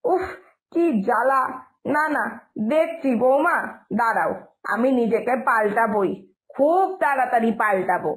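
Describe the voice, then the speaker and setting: A woman voicing a loud, blunt older village mother-in-law in a cartoon, who gossips and cannot lower her voice. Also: animated, measured pace, pauses often. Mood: sheepish. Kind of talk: Bengali cartoon voice acting.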